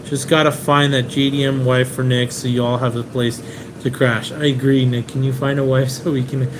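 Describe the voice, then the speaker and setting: Room noise and air-conditioning hum come through clearly as a car importer from Venezuela hosts a live Q&A inside a rented apartment. His mid-range voice runs at normal speed, and he chats loosely, reading viewer comments aloud, frequently saying "um" and restarting.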